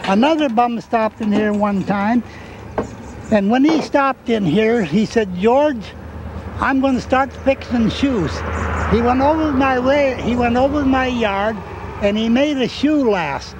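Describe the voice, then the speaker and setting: A man's voice: very high voice, a little slow. An elderly American man reminiscing in rustic, ungrammatical plain speech, in a folksy oral-history style. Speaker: interviewee, former salvage dealer. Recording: loud outdoor ambience with traffic.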